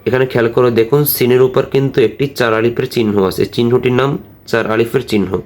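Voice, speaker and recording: A man teaching Quran reading, spelling out each syllable slowly and patiently in a recitation lesson. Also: mid-range voice, fairly even intonation, a little mellow. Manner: slow, drawn-out syllable-by-syllable teaching.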